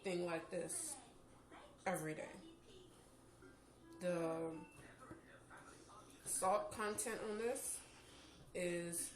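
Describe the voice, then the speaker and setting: A woman's voice: on the low side, expressive, extremely slow, pauses often, soft background music. A tired woman recovering from surgery, casually giving practical advice to viewers in a vlog. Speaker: vlogger sharing her jaw surgery recovery. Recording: echoey room with clear background noise.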